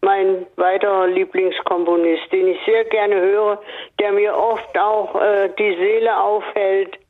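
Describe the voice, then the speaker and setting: An older woman from northern Hesse calling in to a radio show, speaking slowly and hesitantly, with many pauses and fillers. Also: medium pitch, little pitch movement. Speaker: radio caller. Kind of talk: phone-in chat on radio. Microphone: telephone. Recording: tinny phone line.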